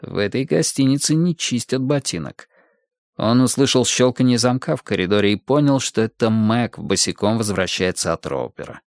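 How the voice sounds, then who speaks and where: A man's voice: medium pitch, no echo. Man narrating an audiobook, dry studio. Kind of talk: scripted narration.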